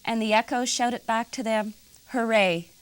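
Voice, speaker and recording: A woman librarian reading a children's story aloud in a gentle, even way. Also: on the high side, unhurried, low-quality recording.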